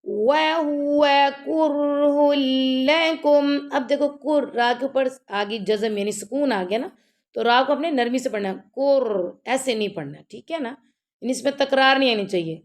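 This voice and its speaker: High-voiced woman teaching recitation. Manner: slow drawn-out recitation of verses between brisk explanations. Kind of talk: step-by-step tajweed lesson.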